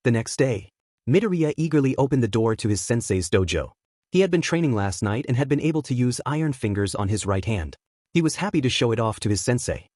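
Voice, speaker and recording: A man reads fanfiction aloud with a steady, plain delivery. His pitch moves in lively swings, and the recording is dry and close, with no room sound. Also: brisk, no room sound. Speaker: fanfiction reader. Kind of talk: storytelling narration.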